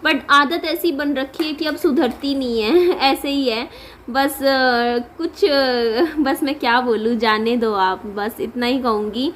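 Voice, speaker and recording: A young woman vlogger with a high, bright voice chats with her viewers at a slow pace in a casual family vlog. Her sentences are loose and hesitant, often broken by laughter, and a faint background hiss sits beneath her voice.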